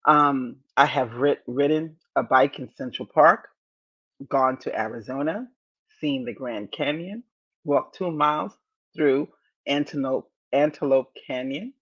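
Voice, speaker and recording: Motivational host, woman in her fifties; slow and deliberate, repeats her points, slightly dull lo-fi recording. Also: extremely low pitch. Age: 50s. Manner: deliberate, repeats key phrases, encouraging. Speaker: podcast host. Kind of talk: motivational podcast talk.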